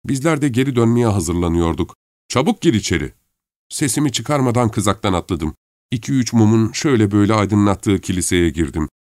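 Low-voiced man reading a story. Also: no room sound, clean studio sound. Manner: calm, measured storytelling. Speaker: narrator. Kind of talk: audiobook narration.

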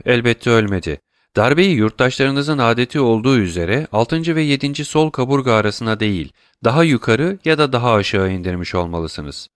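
A commanding count speaks in a measured, faintly mocking tone, as a man reads his part. The recording is close and dry. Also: mid-range voice, no echo, close to an everyday voice. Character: cool, commanding middle-aged count, ironic.

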